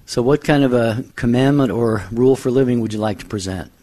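Measured man co-hosting religious radio. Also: mid-range voice, dark tone, no echo. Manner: measured, reverent. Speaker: radio co-host. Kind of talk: call-in radio chat.

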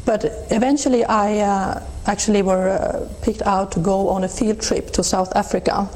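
Mellow-voiced Swedish-accented middle-aged woman. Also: medium pitch, fairly even intonation, normal speed, rough recording. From Sweden. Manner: thoughtful, with frequent restarts and soft laughs. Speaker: interview guest. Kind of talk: reflective personal testimony.

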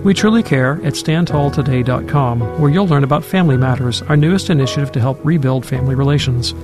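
A man's voice: medium pitch, fast, music in the background. A man reading a scripted radio advertisement in an earnest tone.

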